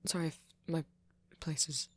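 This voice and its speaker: In an intimate ASMR boyfriend roleplay, a British man acts as a shy, nervous young vampire, his voice on the high side and steady in tone. He speaks softly and breathily, often close to a whisper, stammering and halting in a flustered, apologetic way.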